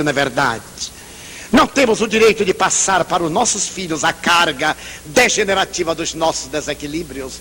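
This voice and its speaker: An older man giving an emphatic public lecture, telling a story and acting out its dialogue. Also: high voice. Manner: animated, emphatic, acts out dialogue. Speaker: spiritist lecturer. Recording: reverberant hall with faint hum.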